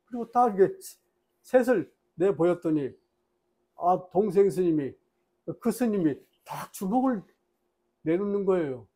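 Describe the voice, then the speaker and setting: A man giving a Buddhist dharma talk, telling a story in a lively way and acting out the voices in it. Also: high voice, a little slow, long pauses. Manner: lively storyteller, acts out voices in his tales; plain, explanatory lecturing.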